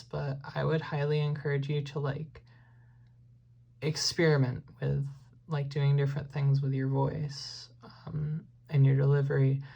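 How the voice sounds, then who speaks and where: Speaking at an extremely low pitch with warm vocal fry, a woman musician casually walks through her vocal production process. She's self-deprecating and rambling, peppering her talk with "um" and "like" and apologizing that she isn't making sense. The audio sounds dull.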